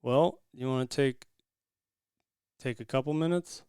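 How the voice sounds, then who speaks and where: A man's voice: mid-range voice, unhurried, warm tone, clear, resonant tone, no room sound, studio quality. A man hosting a casual podcast, laughing often and talking loosely with restarts. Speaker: podcast host.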